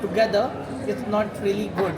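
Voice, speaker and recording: A man with an Indian English accent, working as a tour guide, explaining food to tourists in a friendly, halting way with many fillers. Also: high voice, fairly even intonation. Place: busy restaurant. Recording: roomy, with loud crowd noise. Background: loud crowd chatter.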